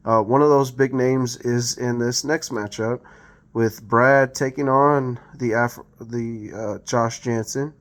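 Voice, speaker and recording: A man's voice: mid-range voice, steady tone, slow pace, a bit bright. A man giving a casual, unscripted sports league recap, rambling with lots of ums and uhs and correcting himself as he goes. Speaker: fantasy football league recap host.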